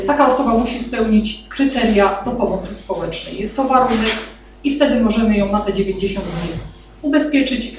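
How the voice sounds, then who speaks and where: A woman official presents an annual welfare report, reciting sums of money with many hesitant pauses and filler sounds. She speaks from a distance in a very echoey meeting room, and the recording is dull and carries clear background noise. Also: on the high side. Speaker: municipal social welfare official.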